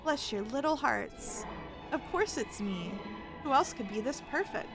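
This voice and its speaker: A woman's voice: high-pitched, lively intonation, a little slow, pitched above the performer's own voice. A woman voicing a preening, doll-like perfect girl from a video game, sugary, affected and condescending, over music. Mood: smug, sugary. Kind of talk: video game dialogue read-aloud. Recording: music behind the voice.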